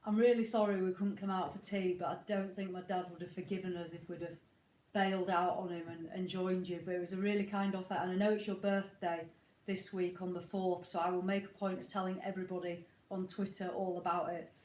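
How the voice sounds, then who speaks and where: A woman with a cold, her voice slightly snotty, co-hosts a motorhome live chat from home, chatting and rambling to viewers with warm greetings. Her voice is lowish, flat and brisk, captured on an iPad indoors with roomy echo and a little hiss or hum.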